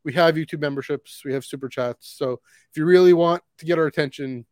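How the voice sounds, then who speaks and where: A man's voice: a little high, fast, darkish tone, no room sound, clean studio sound. A man from Canada co-hosting a live podcast in casual chat, rambling through plugs and correcting himself as he goes. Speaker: podcast co-host.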